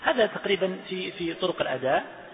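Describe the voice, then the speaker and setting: Man, slightly high voice, lesson on recitation, chants verses, tinny echoey hall sound. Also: animated, quick pace. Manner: repeats examples, chants verses, asks students questions. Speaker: sheikh teaching Quranic recitation. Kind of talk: classroom lesson explaining Quranic recitation rules.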